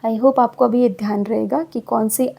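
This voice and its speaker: Slow-explaining woman teacher, gravelly and husky. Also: a little high, fairly even intonation, mellow. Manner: explaining step by step, repeating example words slowly. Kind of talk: Hindi grammar lesson.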